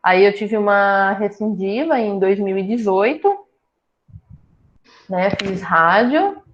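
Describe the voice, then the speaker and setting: A woman telling her own cancer story in a casual talk, lively and joking as she acts out what people said. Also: medium pitch, slow. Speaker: breast cancer patient sharing her story. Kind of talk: casual conversation. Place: small town in Brazil. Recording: dull lo-fi sound.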